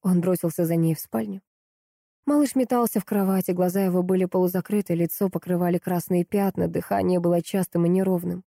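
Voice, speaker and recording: Woman, audiobook narrator, measured expressive reading, dry close recording. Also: fairly low pitch, vocal fry, no echo.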